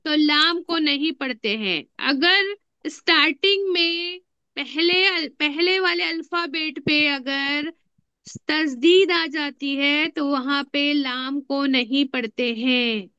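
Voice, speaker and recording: A high-pitched woman leads an Arabic grammar lesson, stopping often to ask her students questions and repeating key terms slowly. The recording is dry and a little dull. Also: sharp tone, no room sound. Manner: asks the class frequent check questions, repeats key words slowly. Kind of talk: classroom lesson explaining rules with questions to students.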